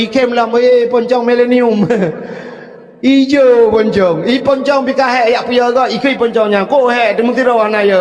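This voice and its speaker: High-voiced Acehnese preacher in echoing hall. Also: male voice, lo-fi sound. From Aceh, Indonesia. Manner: lively storytelling with sudden shouts. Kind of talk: humorous sermon. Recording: long hall reverb.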